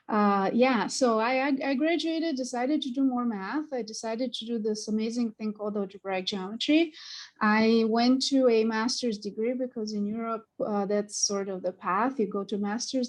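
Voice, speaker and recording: A Bulgarian woman who is a mathematics professor tells her story on a panel in a fairly high-pitched voice. Her speech is halting, with many pauses and lots of ums and uhs.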